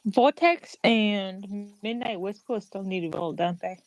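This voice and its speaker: A woman player in a tabletop game on a voice call, playful and quick to cheer. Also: mid-range voice, no room sound, low-quality recording. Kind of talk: casual tabletop game chat. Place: online voice call.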